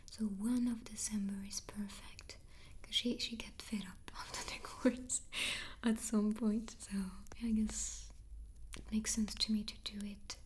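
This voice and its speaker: Slow whispering woman. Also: medium pitch. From France. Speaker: ASMR creator and host. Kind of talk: whispered ASMR casual chat.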